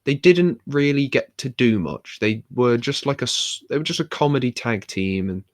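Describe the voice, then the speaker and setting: With lively intonation and a mid-range voice at normal speed, a British podcast co-host chats casually, rambling through fillers and restarts. The sound is clean studio quality with no room sound.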